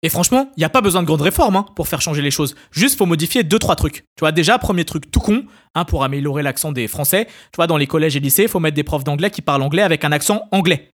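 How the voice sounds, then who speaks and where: A man's voice: fairly high pitch, animated. A French man hosting a comedy podcast, sarcastic and full of asides. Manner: sarcastic, rapid, peppered with hein and tu vois. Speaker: podcast host. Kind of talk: scripted comedy monologue.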